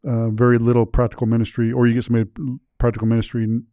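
A man's voice: medium pitch, monotone, rapid-fire, clean tone, no echo, dull audio. A man hosting a podcast, chatting in a loose, upbeat way and poking fun at himself. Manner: upbeat, loose, self-deprecating. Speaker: podcast host, university president. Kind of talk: casual podcast chat.

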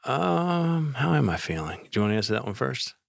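A man's voice: medium pitch, big pitch swings, brisk, creaky, dry recording, clean studio sound. A man co-hosting a podcast in casual chat, joking and teasing. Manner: joking, teasing interjections, laughs. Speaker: podcast co-host.

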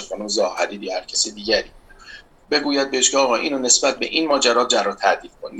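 A man's voice: mid-range voice, bright, forceful tone, husky, poor audio. A middle-aged architect from Iran answering interview questions, emphatic and insistent as he dismisses rumors. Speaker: architect guest, competition organizer.

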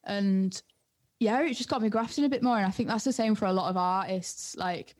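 A young woman, a music producer and DJ, chats casually and colloquially as an interview guest. Her mid-range voice is brisk and a little mellow, and the recording is clean studio sound with no echo.

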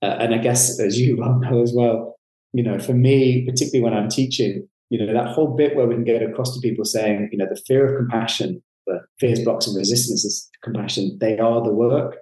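Male clinical psychologist, mellow reflective talker with casual asides, recorded with roomy echo. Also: mid-range voice, fairly even intonation, a little fast. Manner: reflective, with frequent "you know" asides. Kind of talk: conversational interview explanation.

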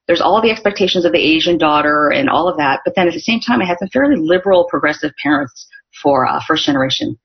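Low-voiced middle-aged woman, chatty guest. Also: animated, quick pace, hardly any pauses. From Northern California, US. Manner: chatty storytelling with frequent fillers. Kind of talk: casual interview conversation. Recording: dull lo-fi audio.

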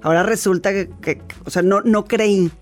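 Mexican woman guest, chatty storyteller, mid pitch, faint music bed. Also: steady tone, moderate pace. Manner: chatty and storytelling, with frequent restarts. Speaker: laughter therapy expert guest. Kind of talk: conversational interview.

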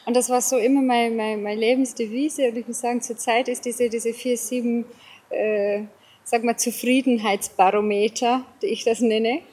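A woman's voice: fairly high pitch, steady tone, normal speed, darkish tone, slightly rough. A middle-aged or older South African woman speaking German with an English accent and Bavarian touches, searching for words in a casual interview. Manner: hesitant, searching for words, repeats phrases. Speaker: interview guest.

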